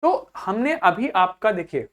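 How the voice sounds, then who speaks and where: A woman's voice: mid-range voice, sing-song, a little slow. A woman teacher giving a vocabulary class to school children. She repeats each point patiently, spells suffixes out letter by letter and reads words.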